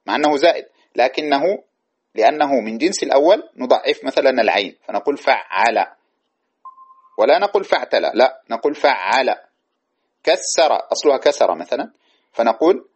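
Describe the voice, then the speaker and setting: A man teaching a classical grammar lesson, asking and answering his own questions and slowly reciting lines of verse. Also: medium pitch, a little mellow, slightly rough. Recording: dull lo-fi recording.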